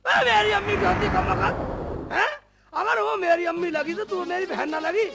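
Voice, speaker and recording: A man's voice: moderate pace, vocal fry, music in the background. A man playing a foolish, literal-minded young son-in-law in a comedy film, with a cheeky manner. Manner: squeaky, cheeky, takes every word literally. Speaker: comic lead.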